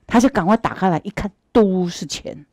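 A woman Buddhist master telling a parable in a sermon, with lively, swooping delivery and sound effects. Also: medium pitch, brisk, no echo. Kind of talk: sermon storytelling. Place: temple hall.

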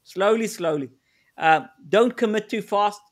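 High-voiced man coaching a webinar. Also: unhurried. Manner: coaching, direct advice with frequent fillers and restarts. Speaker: negotiation expert presenting a webinar. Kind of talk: live webinar presentation. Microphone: video call.

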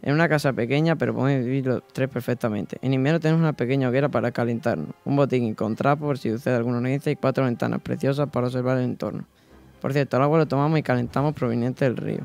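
A teenage boy from Spain reads a first-person letter aloud in a small school radio studio, playing a humble, weary craftsman of the 1790s. His medium-pitched, natural voice is a little mellow with vocal fry, and his plain reading-aloud delivery has small slips. He's using a desk microphone and headphones.

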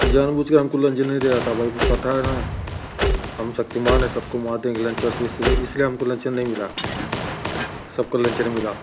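An excited man narrates his own shooter match live, joking and firing off short urgent calls. His voice sits in a middle pitch. Loud gunfire and blasts from the game run under every word. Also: brisk, heavy background noise. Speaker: gaming streamer. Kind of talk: live gameplay commentary.

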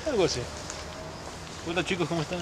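A man's voice: high voice, lively intonation, quick pace, crowd noise. A young man with an Argentine accent talking casually to viewers as an exploration vlogger. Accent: Argentine Spanish. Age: young adult. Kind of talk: casual vlog chat. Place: outdoors at night, street and open country. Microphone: handheld camera or phone. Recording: noisy handheld outdoor recording.

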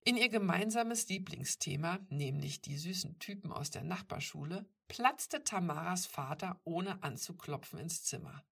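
A woman narrates a novel calmly and evenly. Her voice is low and husky, with a bright, tense edge. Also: moderate pace, hardly any pauses, recorded from a distance. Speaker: audiobook reader. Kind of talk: scripted narration.

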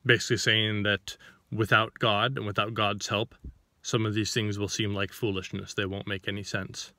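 Facing the camera, a man delivers an informal sermon, reading scripture and then unpacking it with rhetorical questions, restarting a few times as he hunts for words. His voice is lowish, bright and pushed, with little pitch movement, a moderate pace and no echo.

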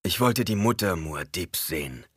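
An old, weathered desert leader with a solemn, formal way of speaking, voiced by a man. The voice stays low and close to the reader's own, recorded dry and close. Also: lively intonation, fairly bright tone, husky, no echo, full character voice. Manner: grave, formal, measured.

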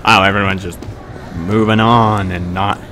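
A gamer making a gameplay video talks in a low, steady, unhurried voice that is pushed and bright. He comments casually, grumbling, blurting out exclamations and mimicking game lines over video game music and sound effects.

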